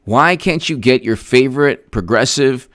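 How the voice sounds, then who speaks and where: A man's voice: medium pitch, moderate pace, a bit bright, no room sound, studio quality. A man hosting a political commentary livestream, sarcastic and emphatic as he rattles off statistics and thanks viewers for their messages. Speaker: host.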